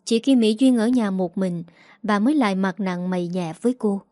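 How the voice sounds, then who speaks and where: Woman, story narrator, steady delivery, dry close sound. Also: mid-range voice, normal speed, no echo.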